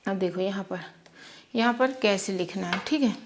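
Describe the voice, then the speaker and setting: A woman's voice: medium pitch, normal speed, background noise. A woman teaching beginners how to spell syllables, repeating each sound patiently and checking in often.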